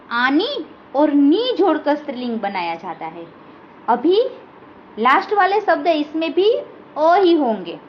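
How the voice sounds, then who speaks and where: A woman teacher takes a class slowly through grammar rules, repeating each one and stretching out the example words. Her voice sits high and swings widely in pitch. The recording is dull and lo-fi, with a faint hiss behind her. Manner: slow, patient, repeats each rule and drags out example words. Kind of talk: grammar lesson.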